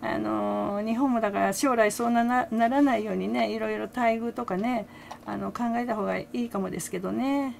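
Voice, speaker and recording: Chatty older woman with a gravelly voice. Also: on the high side, fairly even intonation, a little fast, a little mellow, slight background noise. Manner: chatty, laughing often, many fillers. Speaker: fan commentator. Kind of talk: casual chat.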